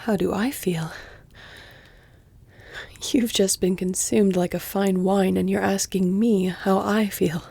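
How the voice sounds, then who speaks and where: Performed by a woman, this flirtatious female vampire speaks in an exaggerated, medium-pitched voice that is dark, mellow, breathy and gravelly, hushed and often near a whisper. Fond and content, she teases slowly and formally with deliberate, fairly even intonation. It's a scripted, intimate audio roleplay recorded close and very dry, without room sound.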